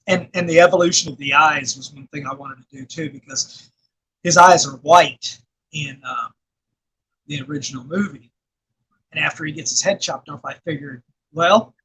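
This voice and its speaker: Middle-aged arkansas man, rambling interview guest, husky and bright. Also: on the high side, unhurried, pauses often, poor audio. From Arkansas, USA. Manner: rambling, many fillers and restarts, laughs often. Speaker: guest filmmaker and actor. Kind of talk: casual interview chat.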